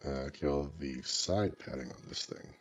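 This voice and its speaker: With faint music behind him, the coding streamer speaks through a voice changer in a very deep, unhurried voice. He chats casually while building the website, rambling, hesitating, and muttering to himself with plenty of fillers.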